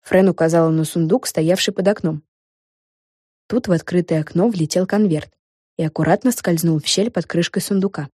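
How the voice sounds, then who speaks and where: Brief: woman reading a children's audiobook, mellow and lowish, dry close sound. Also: moderate pace, breathy edge, no echo. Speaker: narrator.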